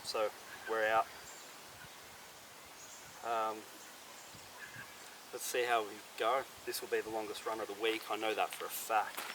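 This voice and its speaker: A man's voice: on the low side, flat delivery, measured pace, long pauses. Man vlogging while running, noisy outdoors. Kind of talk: casual vlog talk. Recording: distant mic, loud outdoor noise.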